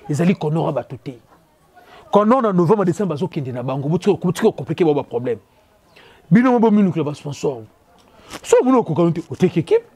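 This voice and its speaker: A man with a Congolese French accent delivers a heated, repetitive rant as a football commentator. His voice sits high for a man yet sounds dark and mellow in tone. He hammers each point again and again. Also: husky. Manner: emphatic, repetitive, rapid code-switching. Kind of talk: opinion rant on local football.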